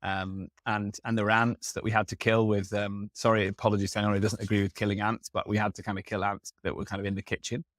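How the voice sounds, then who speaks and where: A man's voice: lowish voice, little pitch movement, quick pace, few pauses, dry recording, studio quality. A man in his thirties co-hosting a podcast, chatting casually and rambling with lots of fillers and restarts. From England. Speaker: podcast co-host.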